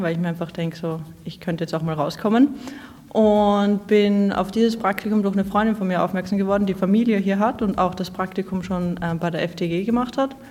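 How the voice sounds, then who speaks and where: A young woman from Austria, an intern guest on a podcast, answering in a relaxed, chatty way. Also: mid-range voice. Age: young adult. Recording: roomy recording.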